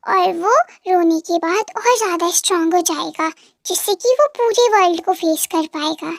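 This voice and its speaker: A woman voicing a guilt-ridden young wife who talks softly through tears, in a fan audio drama. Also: extremely high pitch, moderate pace, no echo, clean studio sound. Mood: sad. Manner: soft and weepy, with tender reassurance.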